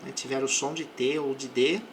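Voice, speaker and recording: A man with a Brazilian Portuguese accent teaching English, explaining words patiently and slowing down to model each example phrase. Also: medium pitch, fairly even intonation, a little hiss or hum. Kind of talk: slow explanatory language lesson.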